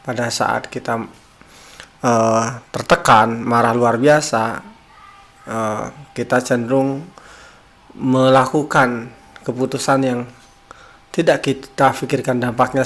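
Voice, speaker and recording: A man calmly explains parenting rules to his listeners, pausing on rhetorical questions with an even, patient delivery. His pitch sits in the ordinary male middle range. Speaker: parenting speaker. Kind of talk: parenting lecture.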